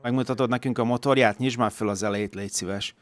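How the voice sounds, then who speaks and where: A man's voice: medium pitch, fairly even intonation, no room sound. A man doing a voice-over for his vlog, explaining and relaying another man's words in his own summary, with frequent restarts. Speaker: vlogger. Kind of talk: voice-over interpreting a conversation. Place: studio voice-over.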